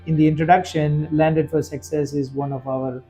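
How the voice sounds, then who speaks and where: A man's voice: a little high, little pitch movement, moderate pace, dark tone, soft background music, low-quality recording. A man from Sri Lanka, a guest in an interview, speaking earnestly with frequent fillers and restarts. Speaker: guest, festival director and business owner. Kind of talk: conversational interview.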